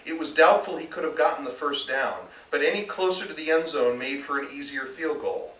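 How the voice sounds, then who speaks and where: Recorded at a distance in a roomy bookstore with faint noise, an American author gives a live reading of his novel. His voice is a little high, brisk and a bit bright.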